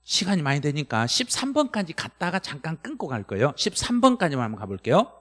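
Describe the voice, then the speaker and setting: Male instructor, live-stream lecture, lively swooping delivery, slightly high voice, middle-aged. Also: quick pace, long reverb tail. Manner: animated, jumps to high excited pitch on key words, quizzes the chat. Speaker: real estate tax law instructor.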